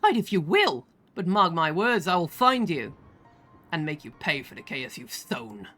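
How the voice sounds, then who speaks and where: Lady reading a bitter young mage guy, grave old-timey lines, kinda low. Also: sing-song, unhurried, bright, forceful tone, faint music behind, heavily acted. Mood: resentful. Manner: solemn, old-fashioned reading.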